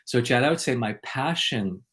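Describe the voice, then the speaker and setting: A man's voice: medium pitch, animated, moderate pace, a bit bright, slightly rough. A man hosting a podcast and being interviewed, talking in an ornate, playful way. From New York.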